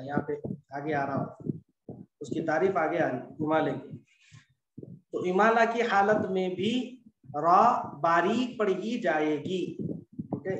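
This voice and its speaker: Male tajweed teacher, high voice, patient and repetitive, drawn-out examples, echoey room. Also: far from the mic, slight background noise. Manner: patient, repetitive explaining, stretches out example words. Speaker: Quran recitation teacher. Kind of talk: classroom lesson on tajweed rules.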